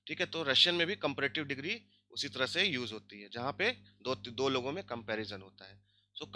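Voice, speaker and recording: A man's voice: on the high side, pushed and bright. A man teaching a grammar lesson, explaining step by step and often checking that listeners follow. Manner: repeats and checks understanding with frequent tag questions. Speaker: language teacher.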